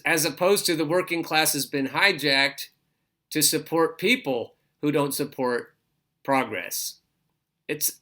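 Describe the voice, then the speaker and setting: Male podcast host, slightly high and bright, talks through political commentary with stop-start phrasing. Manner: reads an article aloud and breaks in with his own comments; stops and restarts phrases, repeats words.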